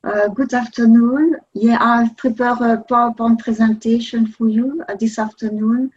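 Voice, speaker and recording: A woman gives a conference presentation, polite and earnest, her voice a little high and husky. The sound comes through as a dull, lo-fi video call. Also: steady tone, normal speed, darkish tone. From Belgium. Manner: polite and earnest, slightly non-native phrasing. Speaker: conference speaker. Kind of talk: presentation talk.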